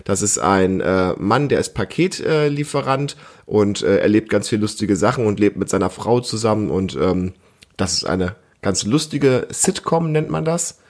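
A man in his thirties co-hosts a family podcast as a parent, chatting casually with a child, explaining things simply and asking prompting questions. His fairly low voice is expressive and moderately paced.

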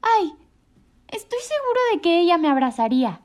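Tiny lonely boy bird, high and eager, put on by a woman storyteller. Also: sing-song, moderate pace, darkish tone. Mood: tearful hopeful. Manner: eager, pleading, childlike. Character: tiny lonely young male bird searching for a mother.

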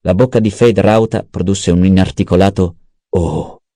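A man narrating an audiobook in a measured, even reading. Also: low voice, no echo, studio quality.

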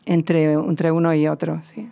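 Gravelly woman with a southern Spanish accent. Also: deep voice, fairly even intonation, measured pace, dark tone. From southern Spain. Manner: lecturing, many restarts and fillers. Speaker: guest language expert. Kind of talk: explanatory casual chat.

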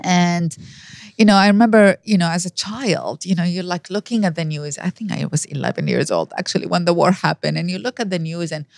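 A woman's voice: on the low side, a little fast, gravelly, a little mellow, dry recording. A woman, telling her life story as an interview guest, earnest and reflective with frequent restarts. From Iraq. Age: 50s.

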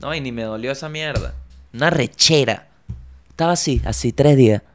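A man's voice: mid-range voice, fairly quick, music in the background. Joking young man, podcast host. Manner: playful, joking, slangy, shifts into bits and impressions. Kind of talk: casual comedic podcast chat.

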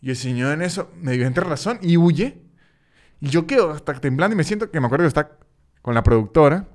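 A Venezuelan man with a Venezuelan accent, a comedian and podcast host, casually telling an animated comic story with swearing and repetition. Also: on the high side, brisk. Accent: Venezuelan Spanish.

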